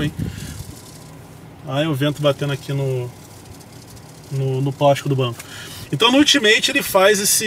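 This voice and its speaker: A man's voice: fairly high pitch, fairly bright tone. A Brazilian man doing a casual car vlog, thinking aloud informally as he checks out parked cars. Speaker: car reviewer. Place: in and around parked cars at an outdoor lot. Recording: clear car and outdoor ambient noise.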